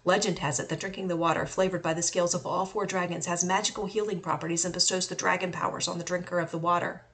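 A woman reading the lines of a calm, secretive man who keeps dragons, explaining things matter-of-factly. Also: lowish voice, fast talker. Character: calm, secretive adult male dragon collector.

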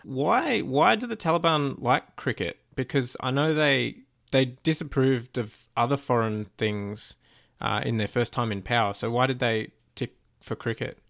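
Man, podcast host, gravelly voice, dry close sound, curious questions. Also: mid-range voice, fairly bright tone, dry recording. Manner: curious, halting questions with restarts.

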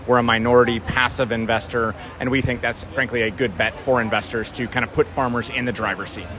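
A man's voice: medium pitch, fairly even intonation, fairly quick, a bit bright. A man with a North Dakota accent explaining things in a plain-spoken, conversational way as an interviewed company representative. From North Dakota, USA. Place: outdoors at a busy farm trade show. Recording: outdoor crowd and vehicle noise.

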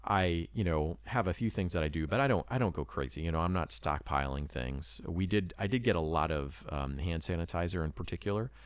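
An earnest man with a deep voice who talks in loose, rambling sentences full of hedges. He speaks casually beside his wife about moving abroad as a missionary. The recording is dry and close. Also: no echo. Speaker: missionary preparing to move abroad. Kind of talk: casual talk to camera.

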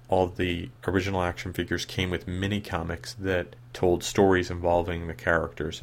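A man hosting a retrospective with measured, matter-of-fact scripted narration and personal asides. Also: low voice, creaky, fairly bright tone. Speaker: retrospective show host.

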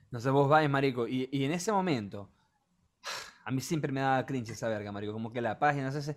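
A young man with a Venezuelan accent chatting casually in an animated, slangy way and mocking voices as he tells stories. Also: mid-range voice, fairly quick. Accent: Venezuelan Spanish. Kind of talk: casual chat.

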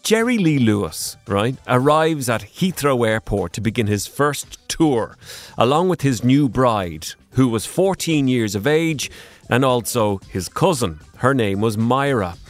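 A man's voice: medium pitch, expressive, unhurried. A man hosting a music history podcast, narrating casually with wry asides. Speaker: podcast host.

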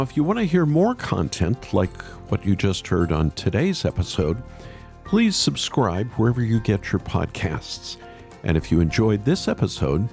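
A man with a fairly low-pitched, darkish voice hosts a podcast. He interviews a guest and speaks to listeners conversationally, then signs off the show.

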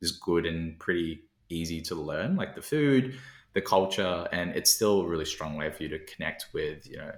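An Australian man with a deep voice co-hosts a podcast at normal speed, talking casually and reflectively as he thinks aloud with fillers. The recording has a roomy echo.

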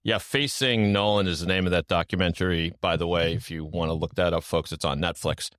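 A man's voice: sits low, fairly even intonation, brisk, fairly bright tone, no room sound, studio quality. A man hosting a casual podcast, asking quiz-style questions in an upbeat, joking way. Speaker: podcast host.

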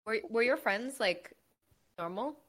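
A young woman co-hosting a podcast in easy, casual chat. Her pitch swings widely and animatedly, and she laughs often and tosses in "y'all" as she talks. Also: animated, a little slow, a bit bright. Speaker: podcast co-host.

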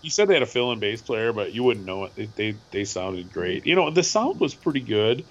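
A middle-aged man with a hoarse voice, co-hosting a podcast and telling a rambling, animated story with lots of repeats. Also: fairly low pitch, brisk, dull audio. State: hoarse from screaming at a concert. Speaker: podcast co-host. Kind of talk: casual chat.

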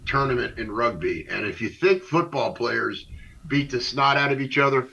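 A man co-hosting a radio show, ranting casually about sports in an animated, indignant, rambling way. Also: medium pitch, normal speed, vocal fry, breathy edge. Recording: dull lo-fi internet radio.

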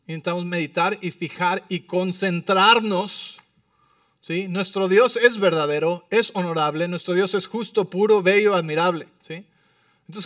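A man with a fairly high voice delivers a sermon from a pastor's pulpit. He keeps checking in with the congregation and moves between hushed asides and emphatic lines. He sounds set back from the microphone, in a dry, unreverberant space. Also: no echo, far from the mic. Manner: frequent tag questions to the congregation. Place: church.

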